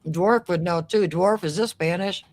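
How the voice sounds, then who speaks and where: A woman co-hosting a casual live stream, reading out chat messages and tossing in quick exclamations and jokes. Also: lowish voice, darkish tone. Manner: chatty, quick to exclaim, jokey asides.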